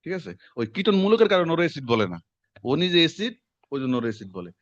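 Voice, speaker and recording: A man, teaching a class in quick, conversational lecture style and quizzing his students as he goes. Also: a little high, very animated, dry recording. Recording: dull lo-fi classroom recording.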